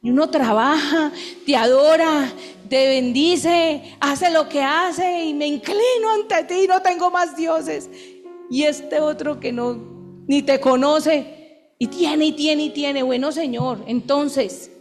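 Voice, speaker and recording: A woman pastor preaching a sermon, with emphatic rhetorical questions and lively acted-out quotes. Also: high voice, slow pace, in a large hall, faint music behind.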